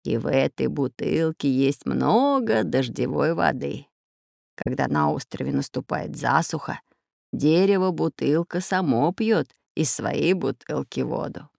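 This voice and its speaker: A narrator as a patient gravelly professor. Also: medium pitch, animated, a little slow, darkish tone, no echo, studio quality. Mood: explaining. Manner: explaining, lecturing. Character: learned male geographer professor, patient and sly.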